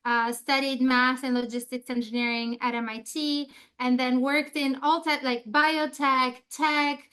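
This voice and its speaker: A woman's voice: high-pitched, little pitch movement, measured pace, hardly any pauses, a bit bright, clear, resonant tone. A woman from Albania, a negotiations expert, talking as an interview guest in a friendly, eager way.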